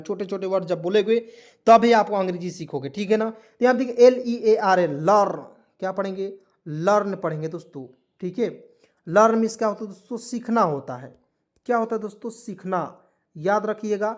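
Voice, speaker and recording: A man's voice: sits high, a little fast. Fields: Sex: man. Role: English teacher. Style: lesson. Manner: repetitive, questioning, drilling. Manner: drills words, repeats questions to viewers.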